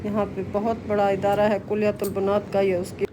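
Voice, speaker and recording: A woman's voice: medium pitch, completely flat delivery, a little fast, low-quality recording. A woman vlogger narrating her outing in a voice-over, talking directly to her viewers. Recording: loud noise behind voice-over.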